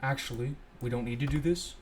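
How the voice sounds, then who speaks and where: A man's voice: medium pitch, a little fast, background noise. A young man casually walking through a coding tutorial, thinking aloud and correcting himself as he goes. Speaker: scripting tutorial host. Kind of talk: casual screen-recorded coding walkthrough.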